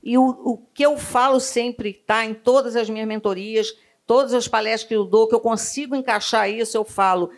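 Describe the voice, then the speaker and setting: A woman's voice: a little high, steady tone, moderate pace. A woman on a professional panel who explains her points and keeps checking in with the listener. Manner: explanatory, frequent tag questions. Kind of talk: panel discussion.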